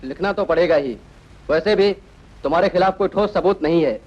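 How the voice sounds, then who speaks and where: A stern, fast-talking inspector. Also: male voice, sits high, darkish tone. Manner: firm, formal. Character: stern, dutiful male police inspector. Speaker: police officer. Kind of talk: Hindi film dubbing. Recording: dull lo-fi dubbed film audio.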